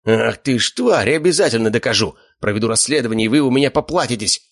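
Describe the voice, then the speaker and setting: A man voicing a fat, enraged dog-fight owner who yells insults. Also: mid-range voice, expressive, quick pace, vocal fry, pitched above the performer's own voice. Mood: furious. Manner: yelling, spitting insults.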